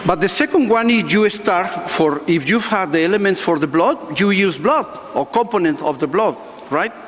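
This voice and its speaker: A man answering an audience question as a conference speaker, off the cuff, with halting, non-fluent phrasing. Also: high voice, lively intonation, fairly bright tone. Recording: echoey hall with background noise.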